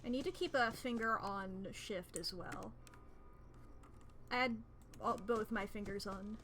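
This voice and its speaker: A woman's voice: medium pitch, measured pace. A woman doing live commentary on a horror game as a streamer, complaining and swearing freely as she plays. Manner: profane, complaining, ranting.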